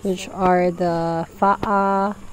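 Slow-talking woman explaining farm steps. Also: fairly low pitch, rough recording. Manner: calm, explanatory, plain wording. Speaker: farm vlogger. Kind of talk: instructional farm narration.

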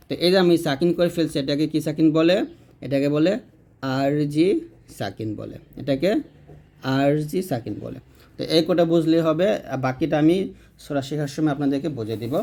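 Guy teaching quran reading, kinda high voice, repeats stuff and quizzes himself. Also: darkish tone. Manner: repetitive, asks questions and answers them himself. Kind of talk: step-by-step recitation lesson.

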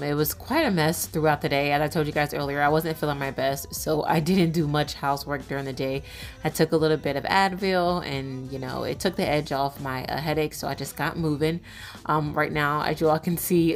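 Brief: woman in her thirties, low voice, casual vlog voice-over, lots of "um", faint music under. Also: steady tone, fairly quick. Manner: chatty, many "um" fillers. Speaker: vlogger, mother.

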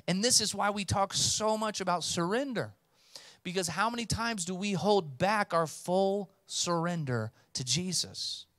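A man in his thirties preaches from a church stage into a handheld microphone, his voice sitting fairly high for a man. He speaks with emphatic force and calls the congregation to respond. The sound is dry and close, with little room echo. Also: a bit bright. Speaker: pastor. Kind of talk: sermon. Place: church stage with blue lighting.

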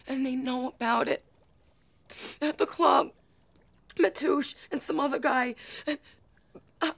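An actress playing a frightened, guilt-ridden young girlfriend of a mobster in a crime drama, stammering, pleading and tearful. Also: high-pitched. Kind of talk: naturalistic TV crime drama acting. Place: dim indoor living room.

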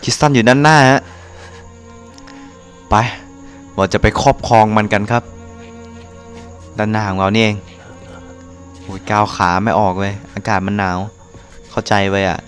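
A man giving casual let's-play commentary, excitable, with quick exclamations and playful jokes. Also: on the low side, soft background music. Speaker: gameplay commentator.

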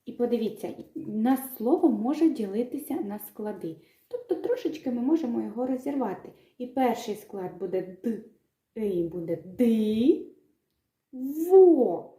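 A woman teaching young children to read, talking in a gentle, slow, sing-song way and breaking words into syllables. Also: fairly high pitch. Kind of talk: children's literacy lesson with a told tale. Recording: echoey room.

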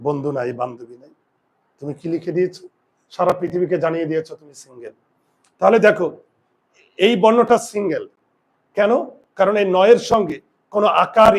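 A male grammar teacher giving a classroom lesson, asking his students questions and answering them himself, sometimes dropping to a low quiet voice for asides. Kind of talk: classroom lesson explaining pronunciation.

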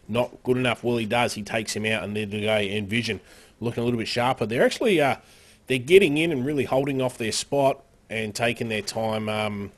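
A man casting a live online game match, upbeat play-by-play with frequent fillers and sudden excited rises. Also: lowish voice. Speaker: esports caster.

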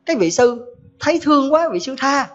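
A woman's voice: high voice, expressive, brisk. A woman giving a humorous Buddhist dharma talk in a folksy manner, full of rhetorical questions. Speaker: Buddhist teacher. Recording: dull lo-fi recording.

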